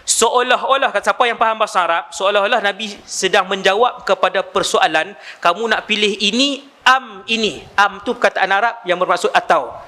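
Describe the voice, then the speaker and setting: A man's voice: high voice, normal speed, hardly any pauses, sharp tone. A male Islamic preacher, telling a story in a live lecture and asking his audience rhetorical questions.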